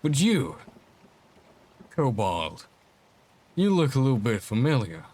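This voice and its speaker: A man's voice: mid-range voice, big pitch swings, slow, a little mellow. A man voicing a mocking armored villain whose voice is muffled behind his helmet. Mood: taunting. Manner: taunting, condescending.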